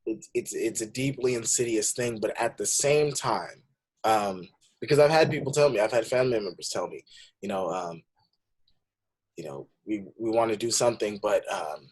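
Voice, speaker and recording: Husky earnest young man. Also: fairly low pitch, animated, moderate pace. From San Francisco Bay Area. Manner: earnest, builds to emphatic outbursts. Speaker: panel guest. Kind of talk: casual discussion.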